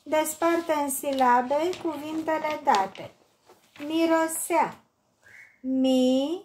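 A Romanian-accented woman teacher reads a children's workbook aloud and explains it, slowly repeating each word with careful dictation. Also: high-pitched, expressive, darkish tone, slight background noise. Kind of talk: reading and explaining a workbook lesson.

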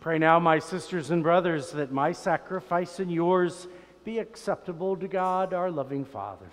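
Older priest praying in cathedral-like echo. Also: male voice, fairly high pitch, faint music behind. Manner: measured, reverent recitation. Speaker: priest celebrating Mass. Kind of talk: solemn liturgical prayer. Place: large church, at the altar. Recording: long cathedral-like echo in large church.

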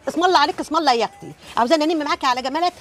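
An actress with an Egyptian accent playing a loud, sassy neighborhood gossip. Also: female voice, high voice, very fast. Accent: Egyptian Arabic.

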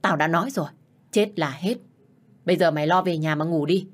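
A woman's voice: low voice, a little fast. A woman voicing a stern older stepmother who scolds sharply. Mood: angry.

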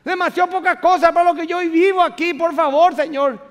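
A man's voice: extremely high pitch, steady tone, brisk, pitched above the performer's own voice. Lazarus, a preacher playing a begging dead man. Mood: pleading. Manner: pleading, whiny, comic protest. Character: Lazarus, a dead man content in heaven, begging not to return.

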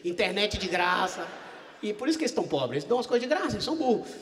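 A high-pitched male comedian tells a story on stage, animated and full of swearing, acting out every quote. His stage mic sits in a theater with a long, echoing reverb, and a faint crowd ambience hangs behind him. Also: very fast, a little hiss or hum. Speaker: stand-up comedian. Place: theater stage, live show.

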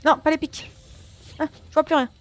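A woman's voice: sits high, level tone, moderate pace, soft background music. A woman giving casual gameplay commentary, chatting to her viewers and grumbling back at the game. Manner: chatty, talks back to the game and swears lightly at it; addresses viewers as friends. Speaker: gaming channel host.

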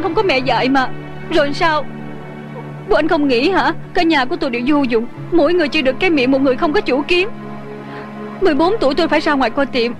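A fierce, proud young tea-shop owner. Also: female voice, sits high. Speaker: voice actress. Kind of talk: Vietnamese dub of a Hong Kong TV drama. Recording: dubbed voice over music score.

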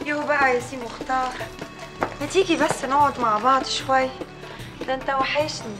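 An actress playing a young wife, speaking in Egyptian Arabic in a coaxing, chiding way. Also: female voice, high voice, fairly quick, close to an everyday voice. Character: pleading, disapproving young wife. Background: music.

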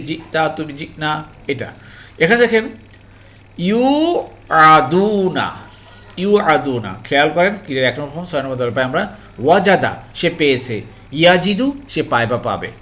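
In an online lesson, a male Quran grammar teacher with a slightly high, fairly bright voice and a Bangladeshi Bengali accent explains slowly and patiently. He repeats points, peppers his speech with "ji" and "alhamdulillah," addresses viewers as "priyo mohtaram," and makes sure they're following.

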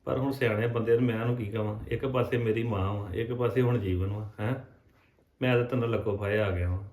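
A man's voice: fairly low pitch, fairly even intonation, fast, darkish tone, echoey room, close to an everyday voice. A man acting a husband caught between his mother and his wife, soothing her and often asking for agreement. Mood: weary. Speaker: husband in a family drama. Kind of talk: scripted domestic drama acting.

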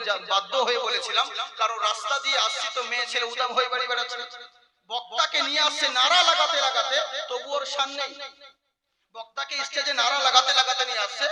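A man preaching a sermon at a large gathering into a stage microphone, talking fast, asking rhetorical questions, joking and often shouting. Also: very high voice, echoey room.

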